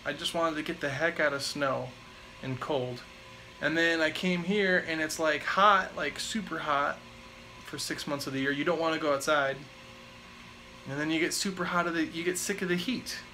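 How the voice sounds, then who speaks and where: Answering live viewer questions, a vlogger in his twenties chats loosely and wanders off topic, leaning heavily on filler words in a relaxed manner. He speaks at a normal speed in a fairly high voice, on a low-quality recording with slight background noise.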